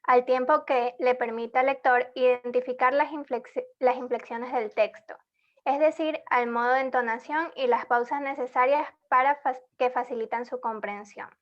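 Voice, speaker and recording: A woman's voice: fairly even intonation, normal speed. A young woman giving a class presentation as a student, reading a formal definition and restarting words she stumbles on. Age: young adult. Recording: dull low-fidelity recording.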